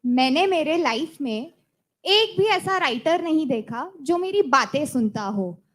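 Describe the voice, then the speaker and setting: A woman's voice: high-pitched, expressive, measured pace. A woman playing an exasperated young UI/UX designer on a date in a comedy sketch, sarcastic and fed up.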